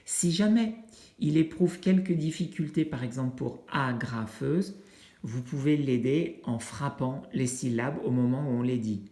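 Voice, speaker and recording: A teacher explaining a learning activity to parents in an unhurried way, pausing often with fillers while demonstrating with objects. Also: mid-range voice, warm tone, slight background noise. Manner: unhurried, with frequent hesitations and fillers. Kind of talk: instructional video for families. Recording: roomy, echoey indoor sound.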